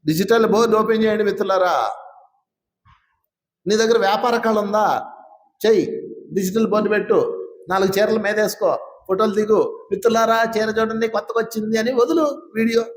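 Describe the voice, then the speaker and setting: A man with a high, bright voice leads an informal spiritual talk before a gathering. He turns to people in the audience, questions them and ribs them good-naturedly. The sound is roomy and echoing, like a hall. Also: normal speed, pauses often. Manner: conversational, quizzes and teases listeners. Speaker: spiritual teacher.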